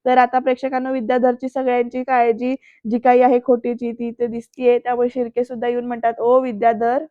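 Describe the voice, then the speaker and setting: A woman recaps a TV serial in a casual, chatty voice-over and talks straight to her viewers. Her voice is a little high and stays quite flat. The recording is dull, dry and lo-fi, close to the mic. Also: fast talker, no room sound. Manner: chatty, addresses the viewers directly, acts out quoted lines. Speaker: serial episode reviewer.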